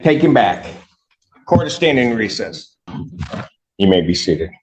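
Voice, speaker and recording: A man's voice: lowish voice, very animated, unhurried, a little mellow, a little hiss or hum. A man presiding as judge, sternly admonishing a defendant during court proceedings, heard on a courtroom recording.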